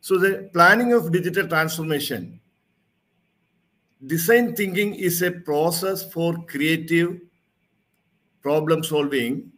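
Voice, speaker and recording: A man giving a formal keynote talk over a video call, reading through his slides in a measured presenter tone. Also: a little high, fairly bright tone. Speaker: keynote speaker. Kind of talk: prepared conference keynote. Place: home or office, seen on video call. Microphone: video call webcam mic.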